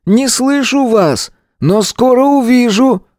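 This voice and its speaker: A man voicing an unhinged male gunman who taunts his victims through a door in a shrill, sing-song shout. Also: slow pace, no room sound, studio quality. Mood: mocking.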